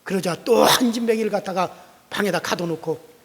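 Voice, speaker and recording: A man's voice: high voice, a little fast. A male pastor telling a story in a sermon in a church sanctuary, vivid and dramatic. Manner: vivid storytelling, acting out quotes loudly. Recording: long church reverb.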